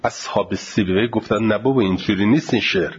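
A man teaching a class on grammar and recitation. He reads passages slowly, then explains them quickly in casual speech. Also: fairly low pitch, a little hiss or hum. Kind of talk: classroom lecture on Arabic grammar and Quran recitation. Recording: dull lo-fi lecture recording.

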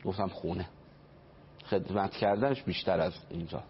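Man, earnest radio speaker on family and faith, explanatory, dull broadcast sound with faint hiss. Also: deep voice. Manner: earnest, explanatory, quotes traditions. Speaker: family counselor. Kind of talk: religious family talk on radio.

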